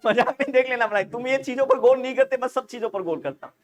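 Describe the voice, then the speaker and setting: A man's voice: extremely high pitch, brisk. A man teaching a nursing exam class online, joking and teasing his students for laughing. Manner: animated, laughs often.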